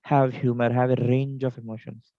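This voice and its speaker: A man's voice: medium pitch, little pitch movement, moderate pace, no echo, dull audio. Unwell Indian man teaching on a call. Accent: Indian English. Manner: instructive, list-like, varies pace for examples. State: dry throat, unwell. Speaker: speech contest trainer. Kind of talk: online educational talk. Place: home, online meeting. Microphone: video call.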